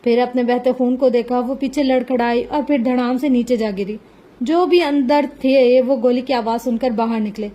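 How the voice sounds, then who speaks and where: A woman narrating a novel in a dramatic reading. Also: fairly high pitch. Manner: dramatic, even-paced reading. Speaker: novel reader.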